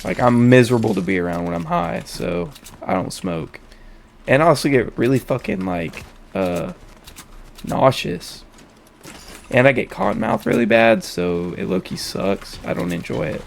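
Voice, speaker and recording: A young adult man hosts a casual storytelling session, his medium-pitched, sing-song voice creaky with vocal fry and slightly hoarse from a head cold. He talks at a normal speed, using lots of slang and swearing, over a faint wash of background noise.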